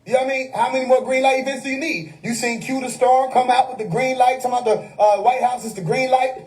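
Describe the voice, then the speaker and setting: A man's voice: extremely high pitch, fairly even intonation, fast, darkish tone, rough recording. A man, hosting a casual livestream monologue that preaches hidden meanings with wordplay and frequent laughter. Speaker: livestream host. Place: home.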